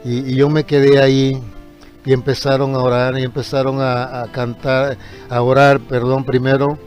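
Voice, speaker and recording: A man's voice: mid-range voice, level tone, moderate pace, darkish tone, soft background music. A man giving an earnest, emotional personal testimony of faith, retelling the prayers he said.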